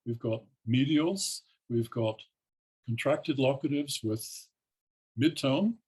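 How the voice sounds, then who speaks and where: An older man gives a keynote lecture in a husky voice, explaining each point in a measured way. He stops often with ums, and his pitch sits in the middle range. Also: a little mellow, low-quality recording. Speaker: keynote speaker, linguistics professor. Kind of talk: academic lecture.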